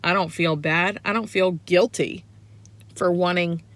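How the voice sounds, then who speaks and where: A woman in her thirties venting to the camera from her parked truck, emphatic and growing loud. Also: on the low side, fairly even intonation, measured pace, no room sound. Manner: frustrated, emphatic, grows loud. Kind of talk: casual rant.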